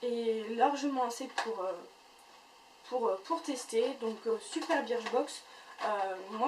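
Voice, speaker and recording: A beauty vlogger with a fairly high-pitched voice chats casually as she unboxes and reviews beauty boxes, filling her talk with fillers and restarts. The sound is reverberant, she sits a bit far from the mic, and there's faint noise.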